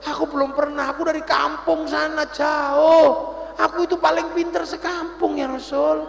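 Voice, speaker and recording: A man's voice: extremely high pitch, flat delivery, moderate pace, vocal fry, reverberant, long reverb tail. A preacher doing a pleading village man. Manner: emotional, tearful pleading.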